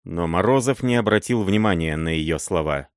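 Низкоголосый мужчина-чтец аудиокниги ведёт повествование неторопливо и драматично. Звук сухой и близкий. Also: male voice, low voice, lively intonation, no echo, clean studio sound. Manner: measured, dramatic reading. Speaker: audiobook reader. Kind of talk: literary audiobook narration.

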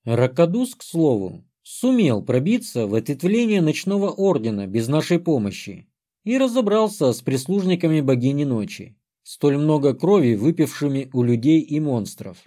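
A man narrates a comic fantasy audiobook in the first person with a wry, storytelling tone. His voice sits a bit high for a man, but it sounds mellow and dark, and it swings lively up and down through each sentence. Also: normal speed.

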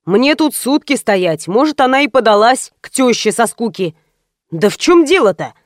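A coarse, hot-tempered young security guard, read by a woman narrator, snapping insults in a fairly high voice with a close, dry sound. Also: very animated, moderate pace, dry recording. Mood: bewildered. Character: rude angry young male security guard.

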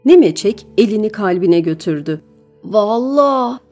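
A woman narrating a children's novel in an even, measured reading. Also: medium pitch, faint music behind. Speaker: audiobook narrator. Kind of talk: storybook narration.

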